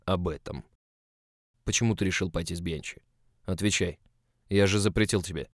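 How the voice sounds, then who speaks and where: A man's voice: sits low, normal speed, no echo, clean studio sound. A man reading aloud as a domineering, jealous boss, with stern, clipped, growled lines.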